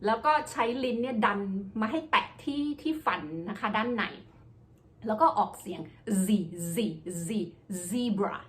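Woman, casual pronunciation lesson, bright tone, repeats sounds slowly. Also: on the high side, lively intonation. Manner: chatty, repeats polite particles, models sounds slowly. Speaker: English teacher.

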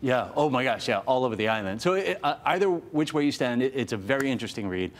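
A man, a morning news anchor, interviewing a guest on a TV studio couch in a brisk, conversational way. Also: medium pitch, very animated. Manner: brisk, conversational, frequent affirmations. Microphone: lapel mic.

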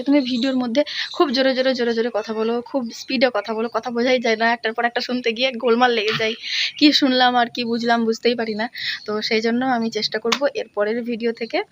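A young woman vlogger with a fairly high voice talks quickly and casually at home. The recording carries a faint background noise. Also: lo-fi sound. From West Bengal. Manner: talks fast, admits speaking quickly; high sing-song baby talk to her child.

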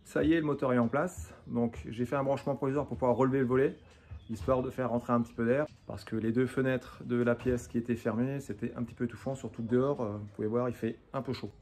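A man's voice: medium pitch, steady tone, fast, darkish tone. Male DIY host, 40s, matter-of-fact, recorded at a distance in a roomy space. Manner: matter-of-fact, explaining each step plainly. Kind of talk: casual step-by-step DIY narration. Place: home room by windows, indoors. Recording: echoey room, distant mic, background noise.

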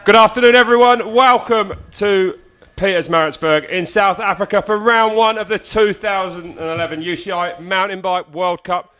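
A man's voice: high-pitched, fairly even intonation, moderate pace, sharp tone. A man commenting on a mountain bike race on a headset mic, jokey and laid-back. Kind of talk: sports commentary.

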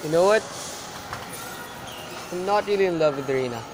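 A man's voice: on the high side, lively intonation, normal speed, natural voice. A teenage boy acting as an impulsive schoolboy fixated on a fad, talking in a restless, insistent way. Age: teens. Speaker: student obsessed with boxing gloves. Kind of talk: student short film acting. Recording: loud background noise.

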